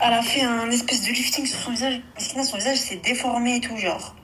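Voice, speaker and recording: A woman's voice: on the high side, fast talker, slight background noise, poor audio. A woman calling into a live chat, animatedly retelling a personal story and acting out what others said. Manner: animated, mimics others' voices when quoting. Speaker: caller.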